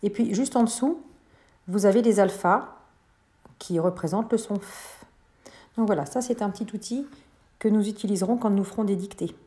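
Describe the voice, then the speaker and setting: A woman with a French accent who teaches first grade, patiently explaining a reading lesson to parents and slowly spelling out sounds. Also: medium pitch, dark tone.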